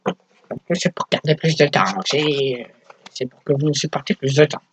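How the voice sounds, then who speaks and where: A man's voice: a little high, steady tone, normal speed, slight background noise, poor audio. A young man in his teens hosting a casual unboxing vlog for his gaming channel, chatty and self-mocking. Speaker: gaming YouTuber.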